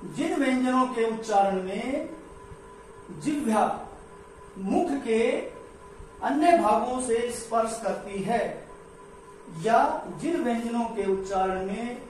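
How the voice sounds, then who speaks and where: Male grammar teacher, very high voice, slow and deliberate, repeats every definition; heavy room echo, mic far off. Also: a little mellow, faint music behind. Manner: repeats each definition slowly, step by step. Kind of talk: slow explanatory lesson. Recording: echoey room, mic far off, faint noise.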